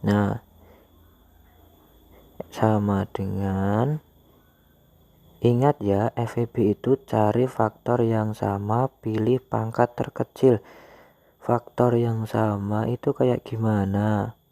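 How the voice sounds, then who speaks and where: Male tutor, unhurried and dry-sounding, informal delivery for primary-school children, posing questions and answering them himself. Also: lowish voice, flat delivery, mellow, no room sound. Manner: informal, coaxing, asks and answers own questions. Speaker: maths teacher. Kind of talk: elementary maths lesson for children, step by step.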